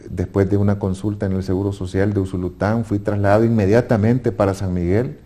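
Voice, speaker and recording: Speaking a little fast in a steady, mellow, lowish voice, this Salvadoran-accented man tells the story of his faith. He is earnest and occasionally hesitates and starts his words over.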